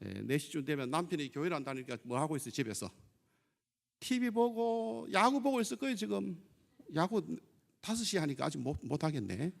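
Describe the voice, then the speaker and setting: A middle-aged male pastor delivering a sermon with a high, raised voice. His tone is gravelly and rough. He keeps asking the congregation questions and acts out quarrels between spouses. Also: brisk. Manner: acts out scolding and sweet-talking spouses in quoted dialogue.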